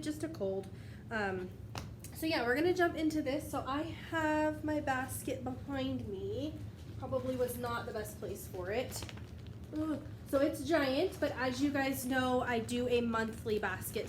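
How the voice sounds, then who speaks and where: A young woman who vlogs about wax melts chats casually to her tablet camera at home indoors, her voice a little high and slightly stuffy from a cold. She rambles, laughing often between thoughts, and there is noise in the background.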